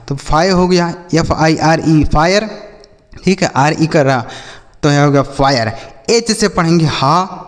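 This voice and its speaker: A man teaching English reading in a classroom style, asking his students questions and drilling each word slowly. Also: fairly high pitch, big-room sound. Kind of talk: classroom-style phonics lesson.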